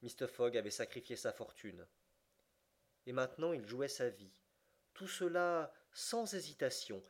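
Man narrating a classic adventure novel. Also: medium pitch. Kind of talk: audiobook reading of a classic novel.

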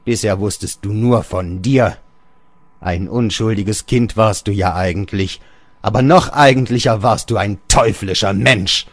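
A man's voice: lowish voice, measured pace, no room sound, voice pushed up, close to an everyday voice. A man reading an audiobook, voicing an old bedridden father who rants scornfully at his son and keeps raising his voice. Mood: condemning. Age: older. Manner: ranting, raising his voice in bursts.

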